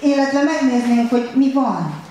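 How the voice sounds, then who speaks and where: A woman's voice: sits high, expressive, warm tone, pitched above the performer's own voice. A frightened man begs in an anxious, half-whispered voice, as a woman reads him aloud. The sound rings through a very echoey room with faint background noise. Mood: anxious pleading. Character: frightened man pleading with a waiter. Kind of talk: read-aloud story.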